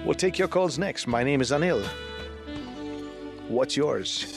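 A man's voice: fairly high pitch, expressive, measured pace, gravelly. A man with an Indian accent hosting a radio call-in show, chatting casually with flirtatious, teasing banter. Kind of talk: casual chat, mixing English and Hindi. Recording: music behind the voice.

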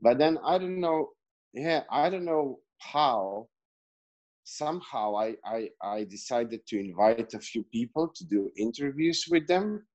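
A man's voice: mid-range voice, lively intonation, unhurried, a little mellow, dull audio. A middle-aged man from Slovenia, a podcast guest and business coach, talking in a rambling, chatty way with many fillers and restarts. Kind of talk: casual interview answer.

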